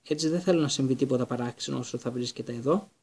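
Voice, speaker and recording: A man reading an audiobook voices a loud, bullying middle-aged uncle who growls his threats. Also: mid-range voice. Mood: menacing. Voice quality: growling, gravelly.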